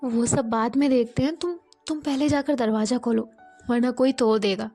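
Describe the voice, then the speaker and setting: A woman's voice: fairly high pitch, steady tone, moderate pace, mellow, soft background music. A woman voicing a young female teacher who scolds and teases in a storybook reading. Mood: scolding. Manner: teasing, scolding.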